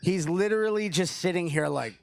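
A man's voice: sits high, brisk, vocal fry, crowd noise. A man co-hosting a casual podcast, joking around loosely and swearing a lot. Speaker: podcast co-host. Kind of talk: casual chat. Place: small room with a live stream.

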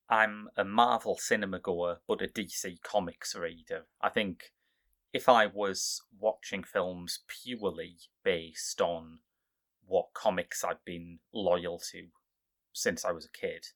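A man co-hosting a casual podcast chat about films, with a wry, measured way of talking. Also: low voice, fairly bright tone. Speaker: podcast co-host. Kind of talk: casual film review chat.

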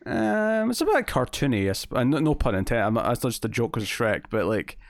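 A man's voice: medium pitch, sing-song, fast talker, no echo. A Scottish man co-hosting a review podcast in casual chat, full of fillers and restarts. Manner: chatty, many fillers and repeated starts. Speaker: podcast co-host reviewing an episode.

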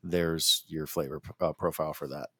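A man's voice: rumbling low, steady tone, normal speed, pushed and bright, no echo, clean studio sound. A man from the United States cohosting a podcast, chatting in an easygoing way with a lot of fillers. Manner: laid-back, easygoing, lots of fillers. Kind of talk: casual podcast chat.

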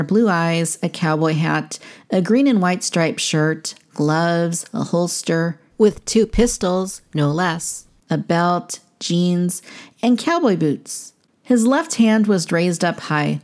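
Lowish-voiced woman narrating history. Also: slow pace, darkish tone. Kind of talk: scripted documentary narration.

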